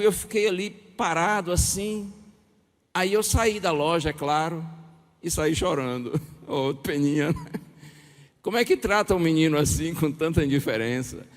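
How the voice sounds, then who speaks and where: A middle-aged man preaches to a congregation, spinning a personal anecdote. His slightly high voice swings widely in pitch as he acts out the dialogue. The long reverb of a large hall trails behind every phrase. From Bahia, Brazil. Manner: lively anecdotal storytelling with chuckles and acted dialogue. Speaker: pastor. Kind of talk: storytelling sermon. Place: large hall or church with audience.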